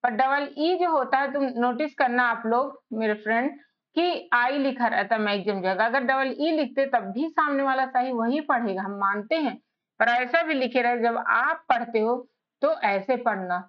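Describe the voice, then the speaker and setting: A woman teaching a spelling lesson, spelling out letters one by one in a slow, patient way. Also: on the high side. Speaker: English teacher. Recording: slightly dull lo-fi recording.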